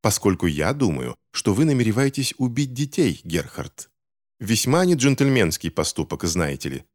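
A man's voice: lowish voice, sing-song, moderate pace, a little mellow. An offended, haughty lady speaks in a cold, clipped way, voiced by a man reading an audiobook. Her tone is restrained and biting. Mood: coldly angry. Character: offended, haughty grown woman.

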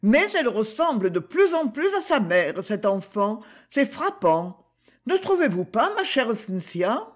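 A man's voice: sits high, very animated, unhurried, heavily acted. A man reading a novel aloud, voicing a kind, talkative elderly Englishwoman who speaks with compassion. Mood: compassionate. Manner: warm, compassionate. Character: kind, chatty old Englishwoman.

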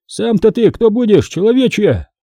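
A man's voice: high-pitched, sing-song, normal speed, dark tone, no echo, voice pushed up. A man voicing skeptical grumbling peasants. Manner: skeptical, querulous. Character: doubtful grumbling peasant men. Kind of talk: audiobook character voicing.

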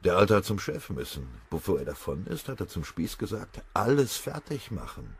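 A man voicing a grinning, self-important young gunner sharing secret news in hushed tones. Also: sits low, big pitch swings, moderate pace, slightly rough, heavily acted. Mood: conspiratorial.

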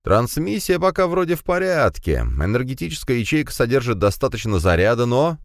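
A man's voice: medium pitch, big pitch swings, brisk, dry recording, clean studio sound, pitched above the performer's own voice. A man reading a storybook, voicing a careful male technician who explains things. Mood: cautious. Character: knowledgeable male technician, cautious.

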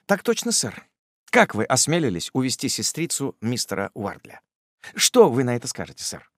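A man voicing a lean, dry middle-aged lawyer who speaks in a smooth, overly polite, soothing way. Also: medium pitch, wildly swooping pitch, moderate pace, dry recording. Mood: placating.

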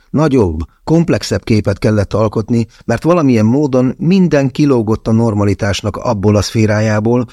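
A man reading a novel in the first person as an audiobook narrator, with a measured, even storytelling manner. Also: fairly low pitch, slightly rough, no room sound, clean studio sound.

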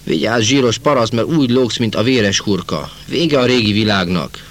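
A man's voice: fairly low pitch, lightly acted. A man reading the lines of a brutish revolutionary soldier in an audiobook, bullying and threatening.

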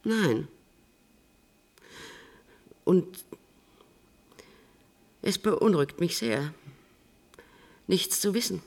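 A gravelly, composed prisoner. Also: female voice, lowish voice, animated, a little mellow, heavily acted. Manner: composed, measured, precise about wording. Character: composed middle-aged woman in custody. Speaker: prisoner on remand giving an interview. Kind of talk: radio drama acting.

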